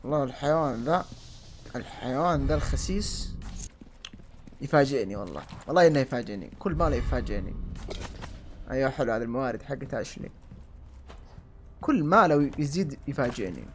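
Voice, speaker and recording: A young man doing excitable let's play commentary and yelling at in-game enemies. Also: medium pitch, fast, pauses often, a little hiss or hum. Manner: excitable, yells and curses at enemies. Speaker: gaming channel host.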